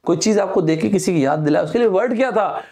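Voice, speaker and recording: A man's voice: high-pitched, lively intonation, fast, a little mellow. Playful Indian male online teacher. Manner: playful, acts out both teacher and student, quotes film dialogues. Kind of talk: lively Hindi vocabulary lesson.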